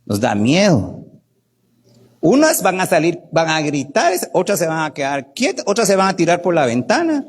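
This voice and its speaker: With a fairly high-pitched voice at a moderate pace, a doctor leads an animated workshop in Guatemalan Spanish, slight hiss or hum audible in the background. He keeps tossing in "¿verdad?" and performs the voices of those he quotes.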